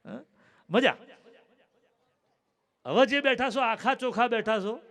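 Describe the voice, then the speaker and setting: High-voiced comedian joking on stage. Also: male voice, slow, a bit bright. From Gujarat. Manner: chatty, acts out both sides of each joke's dialogue. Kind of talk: stand-up jokes at a folk stage show. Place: stage at a late-night live event.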